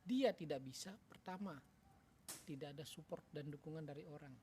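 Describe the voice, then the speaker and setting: A man talks in a relaxed chat, narrating a story about his child with lively energy and playing out the back-and-forth. He then turns earnest and reflective, offering plain advice. A faint hiss sits under the voice. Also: a little high, brisk. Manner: animated, acts out family dialogue. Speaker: father and podcast co-host.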